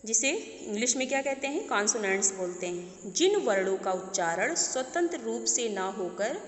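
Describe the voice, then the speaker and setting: A woman's voice: fairly high pitch, very animated, normal speed. Woman teacher in an echoey room. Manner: asks the class questions and answers them herself. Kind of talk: grammar lesson for children. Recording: echoey room, faint background noise.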